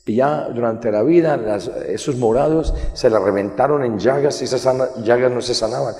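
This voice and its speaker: A man's voice: medium pitch, moderate pace, mellow, big-room sound. A man, a priest, preaching at a healing congress and telling stories with emphatic, rising indignation. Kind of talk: healing sermon.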